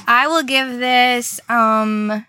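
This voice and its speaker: A woman's voice: on the high side, steady tone, drawn-out words, pushed and bright, clear, resonant tone, dry recording, studio quality. A woman co-hosting a podcast, chatting animatedly with laughing asides about a film. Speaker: podcast co-host. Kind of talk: casual chat.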